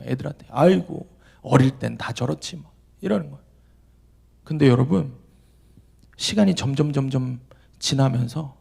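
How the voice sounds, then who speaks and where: A man's voice: on the high side, vocal fry, slightly rough. A young man preaching a sermon as a junior pastor, telling a story and asking his listeners questions, acting out the voices of the people in it. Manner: animated, acts out quoted voices, asks the audience questions.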